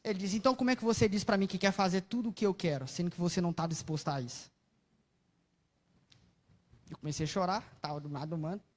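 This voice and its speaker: A woman with a Brazilian Portuguese accent preaching a sermon, telling stories expressively and often turning to the audience with questions, dropping to soft asides and rising to loud exclamations. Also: lowish voice, fast talker, pauses often. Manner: chatty, asks the audience questions.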